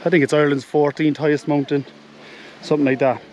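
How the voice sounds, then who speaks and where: A man in his thirties with an Irish accent, walking a mountain trail and explaining the route in a relaxed way, pausing on fillers as he films himself at arm's length. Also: on the high side, a little hiss or hum. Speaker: hiking vlogger. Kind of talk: casual walking commentary. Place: open mountainside outdoors. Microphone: camera held at arm's length.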